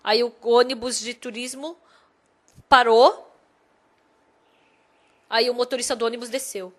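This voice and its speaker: A woman delivers a sermon by retelling a personal story, her voice sitting high for a woman. She moves between hushed reflection and emphatic stretches, keeping the telling lively. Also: unhurried. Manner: animated storytelling, loudness swinging from hushed to emphatic.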